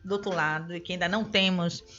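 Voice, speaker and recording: A Brazilian woman hosting a talk show, asking long, measured questions. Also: on the low side, steady tone, sharp tone, soft background music. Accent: Brazilian Portuguese. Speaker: radio show host. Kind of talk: interview questions. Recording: dull lo-fi broadcast audio.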